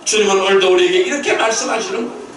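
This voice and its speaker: A man pastor delivering a Sunday sermon, emphatic, asking rhetorical questions and rising to shouted peaks, recorded in a church sanctuary. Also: high voice, rapid-fire, a little hiss or hum. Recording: very echoey hall, mic at a distance.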